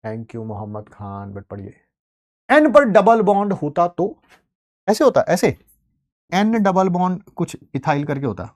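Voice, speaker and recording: Animated playful male chemistry teacher. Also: a little high. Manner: playful, teasing students while writing on the board. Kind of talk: live online class, chatty explanation.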